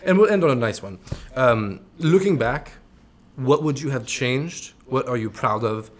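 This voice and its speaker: A man's voice: mid-range voice, expressive, unhurried. Teasing male interviewer, provocative. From France. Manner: teasing and provocative, reads out crude audience questions. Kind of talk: casual interview.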